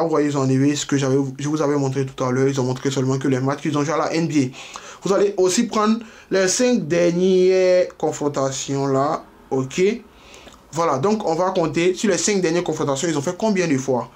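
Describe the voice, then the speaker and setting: A man's voice: fairly high pitch, darkish tone. A man talking viewers through a betting analysis on screen, step by step, repeating key phrases and checking in with "ok" and "voilà". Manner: addresses viewers directly, informal. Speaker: sports betting tipster. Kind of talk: screen-share tutorial.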